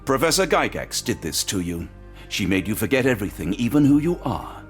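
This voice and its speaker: A man playing an earnest, weary English doctor in a video game, polite and measured with a dry, wry streak. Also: lowish voice, very animated, faint music behind. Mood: firm, persuasive.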